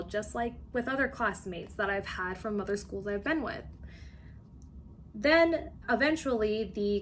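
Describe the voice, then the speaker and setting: A young adult woman with a medium-pitched voice gives an earnest personal speech for a class, telling a story with occasional fillers. There's slight background noise.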